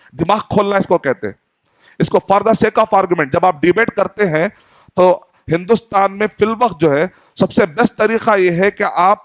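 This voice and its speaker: A man's voice: on the high side, dry recording. A man in his forties from Hyderabad, India, giving a sermon in an earnest teaching tone, posing questions and acting out short dialogues. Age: 40s. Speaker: Islamic preacher.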